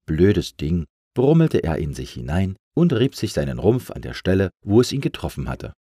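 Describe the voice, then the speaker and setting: A man reading a children's story aloud as narrator, with expressive storytelling. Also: low-pitched, fairly quick, breathy edge, dry recording, clean studio sound.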